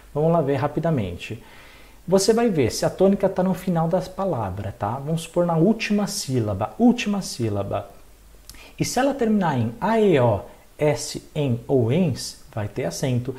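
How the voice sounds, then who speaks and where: Animated Brazilian teacher, lively pitch. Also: male voice, moderate pace. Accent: Brazilian Portuguese. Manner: lively, asks and answers his own questions. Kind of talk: recorded exam-prep lesson.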